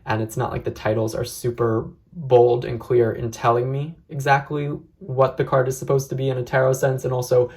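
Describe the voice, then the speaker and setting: A person giving a casual, unscripted review in a measured, reflective way, often hedging opinions. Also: mid-range voice, little pitch movement, a little mellow. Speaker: tarot deck reviewer.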